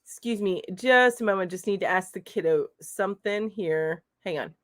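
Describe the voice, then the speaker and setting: A middle-aged woman who runs a crochet channel hosts a live chat stream from home, her mid-range voice moving at a normal speed. She's chatty, casually reading viewer comments aloud and answering them with plenty of fillers. The sound is studio quality with no echo.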